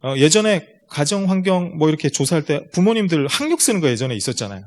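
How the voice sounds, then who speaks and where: A man's voice: a little high, sing-song, quick pace. A man giving a seminar lecture to parents, explaining step by step and putting rhetorical questions straight to the audience. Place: lecture room at a school.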